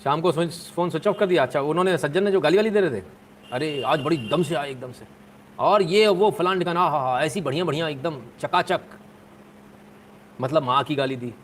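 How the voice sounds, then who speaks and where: A man's voice: on the high side, a little fast, a little hiss or hum. A man hosting a live stream, chatting casually with viewers in a joking, sarcastic way.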